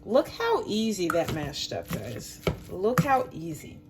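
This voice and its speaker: Heavy background noise surrounds a woman demonstrating a recipe in her home kitchen for her cooking show. Her lowish voice swoops wildly in pitch and she takes things slowly, chatting casually and joking at her own expense while sounding a little sick.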